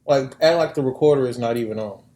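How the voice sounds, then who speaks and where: Speaking quickly in a warm, mid-range voice, a male podcast host chats casually and teases, leaning on fillers like "like." He's laid-back as he introduces the show, with faint music in the background.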